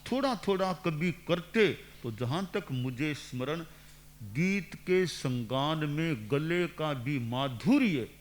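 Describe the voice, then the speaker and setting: A man in his sixties, a monk giving a measured, didactic sermon into a microphone and repeating phrases for emphasis. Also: a little high. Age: 60s. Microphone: speaking into a microphone.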